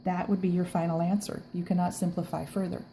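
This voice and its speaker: A woman's voice: lowish voice, level tone, quick pace, creaky, mellow, slight background noise, poor audio. A woman teacher talking casually through a math lesson, with lots of fillers and frequent "okay"s. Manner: chatty, filler-heavy, says okay often. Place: outdoors in a backyard, then recording a screen lesson.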